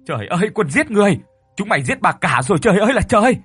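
A man playing a cruel, frightened old landowner who shouts in a horror story. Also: high voice, big pitch swings, fast, husky, faint music behind, pitched above the performer's own voice, heavily acted. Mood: panicked. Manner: shouting, panicked.

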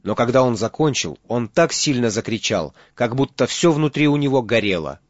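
A man reading an audiobook as narrator, in steady dramatic storytelling. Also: mid-range voice, normal speed, no echo, lo-fi sound. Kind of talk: scripted narration.

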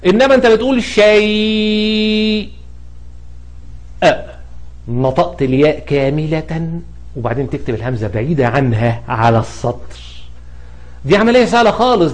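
A teacher with an Egyptian Arabic accent walks through spelling rules in a slightly high male voice. He poses questions and answers them himself, one step at a time. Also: darkish tone. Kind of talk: explanatory grammar lesson.

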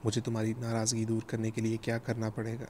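A man's voice: fairly low pitch, monotone, a little mellow, slight background noise, lightly acted. A man voicing a worried young husband who speaks earnestly and pleadingly. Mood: concerned.

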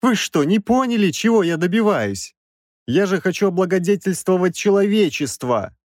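A man doing a shrill whiny old professor. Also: sing-song, normal speed, no room sound, clean studio sound. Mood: excited, shrill. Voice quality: shrill, squealing. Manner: pleading, fussy, indignant. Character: whiny old male mad-genius professor. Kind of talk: audiobook character voice.

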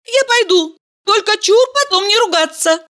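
A woman's voice: very high voice, animated, moderate pace, a bit bright, pitched above the performer's own voice. A woman doing a bubbly, teasing young heroine. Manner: bubbly, chirpy and exclamatory.

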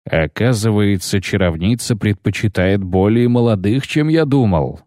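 A man's voice: fairly low pitch, animated, moderate pace, a little mellow, no room sound, studio quality, close to an everyday voice. A man voicing a menacing older bounty hunter who growls and sneers. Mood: sneering.

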